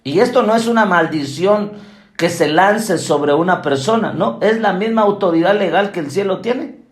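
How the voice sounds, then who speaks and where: Forceful high-voiced male preacher. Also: animated, normal speed, echoey room. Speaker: apostle preaching. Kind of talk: sermon.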